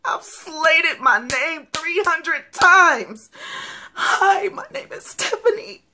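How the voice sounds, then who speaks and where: Sorrowful tragic heroine, crying. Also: female voice, very high-pitched, big pitch swings, slow pace, pushed and bright, a little hiss or hum, full character voice. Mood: anguished, breaking down. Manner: tragic, sorrowful, anguished delivery swinging from whispers to wails. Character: desperate struggling actress, a tragic heroine in sorrow. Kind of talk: dramatic monologue. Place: small plain room indoors.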